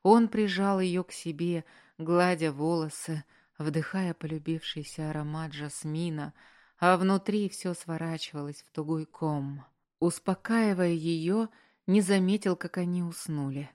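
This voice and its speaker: A woman reading a story aloud in measured, earnest scripted narration, as an audiobook narrator. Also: fairly low pitch, a little mellow.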